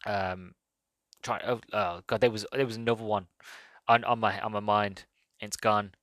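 A man chatting alone on his podcast, rambling and upbeat, with lots of ums and self-corrections. His voice sits a little low but has a bright, forceful edge. The sound is dry and close, with no room around it. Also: steady tone, normal speed, no echo. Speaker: podcast host. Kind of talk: solo podcast chat.

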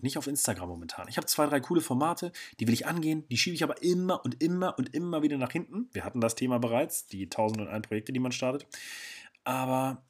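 A young man talks alone on his podcast in a loose, slangy, blunt way, often catching and correcting himself mid-sentence. His voice is slightly husky, at an ordinary pitch for a man. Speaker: podcast host. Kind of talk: casual solo podcast monologue.

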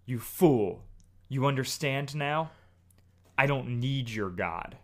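A man's voice: medium pitch, lively intonation, slow pace. A man voicing a gloating villain in a theatrical monologue, as part of a podcast recap. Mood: gloating, scornful.

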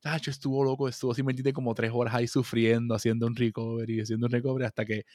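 A Puerto Rican man in casual banter, talking at a rapid clip. He tells his story playfully and keeps pushing back when teased. The sound is dry and close, with no room tone. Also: medium pitch, little pitch movement, darkish tone, dry recording. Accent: Puerto Rican Spanish. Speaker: podcast co-host. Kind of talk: casual chat.

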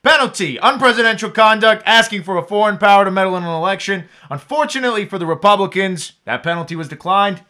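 A man's voice: high-pitched, fast talker, hardly any pauses, bright, forceful tone. A man playing a crusty football referee. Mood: officious. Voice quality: barking penalty calls.

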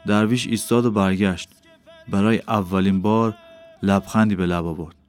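A man reading an audiobook as a first-person narrator, measured and unhurried. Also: on the low side, fairly even intonation. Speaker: audiobook reader. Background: faint background music.

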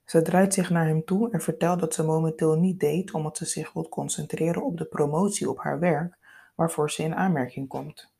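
Low, husky woman narrating intimately. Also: fairly even intonation, normal speed, mellow. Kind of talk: scripted story narration.

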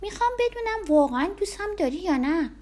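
A woman reading a storybook, voicing an eager, mischievous little boy who pleads in a raised, lively voice. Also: very high voice, pitched above the performer's own voice.

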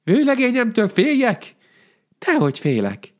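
A man's voice: very high voice, huge pitch swings, voice pushed up, full character voice. A man putting on a cheerful young princess. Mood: merry.

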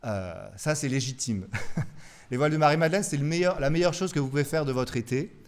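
Young man, friar, lecture to students, lively, joking, teasing, hall talk. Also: a little high, brisk.

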